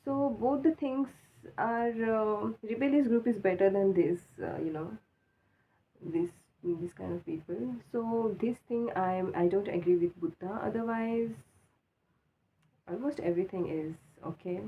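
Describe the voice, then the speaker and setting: A woman with an Indian accent giving a casual, halting, unscripted opinion monologue, repeating herself for emphasis, just awake with a swollen mouth. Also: medium pitch. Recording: tinny phone-like sound with faint noise.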